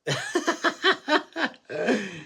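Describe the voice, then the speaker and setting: This livestream host, a man in his late forties with a thick Kiwi accent, talks in an extremely high pitch that swings wildly, drawn out extremely slowly with vocal fry and a sharp edge. He's chatting casually, reading and answering comments in a relaxed, slangy, blokey manner.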